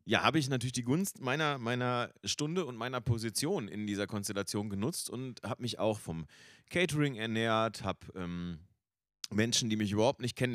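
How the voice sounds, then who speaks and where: A man with a fairly low voice, recorded very dry. He hosts a casual podcast, bantering wryly in long, roundabout sentences. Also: no room sound. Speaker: podcast host.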